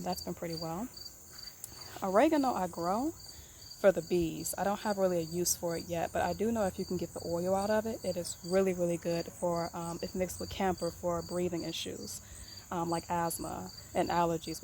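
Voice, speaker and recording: Woman host, lowish voice, easygoing and rambling with lots of "um" and "really, really", recorded outdoors in a garden with crickets chirping. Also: normal speed, a little hiss or hum. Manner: relaxed, rambling, many ums and repeated "really, really". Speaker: home gardener giving an herb tour. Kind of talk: casual garden tour vlog. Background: crickets and insects.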